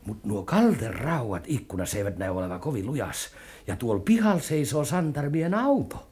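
An actor playing a brash, hot-headed adventurer who speaks Viipuri Karelian dialect, in a 1950s radio drama. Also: male voice, mid-range voice, very animated, a little mellow, breathy edge. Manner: brash, blunt, impatient. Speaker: adventurer hero in a radio serial. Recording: hissy old radio broadcast.

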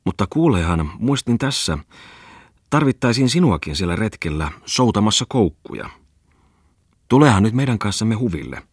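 A man voicing a sly, condescending middle-aged male merchant who speaks smoothly. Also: lowish voice, very animated, dry recording, studio quality, pitched above the performer's own voice. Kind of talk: audiobook character voice.

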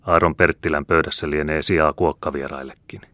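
A stern old farmer and father, used to being obeyed, speaks with firm certainty in a very low voice. A man reads him out in a dry audiobook sound. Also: fairly even intonation, sharp tone, no room sound. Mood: quiet. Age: older. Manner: commanding, firm.

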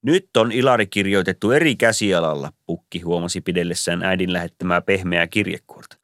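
A man narrating a story in a measured, scripted audiobook reading on a close mic. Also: deep voice, fairly bright tone, no echo.

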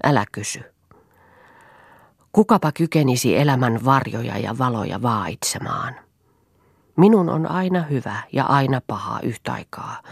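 A woman's voice: rumbling low, husky, dry recording, studio quality, heavily acted. Woman reading as a brooding, bitter young woman. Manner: earnest, sorrowful dramatic reading.

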